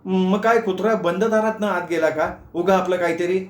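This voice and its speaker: A man's voice: high voice, fairly even intonation, normal speed, pitched above the performer's own voice, natural voice. A male storyteller voicing a panicky young woman of twenty-two who stammers in fright, in an echoey room. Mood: frightened, sharp.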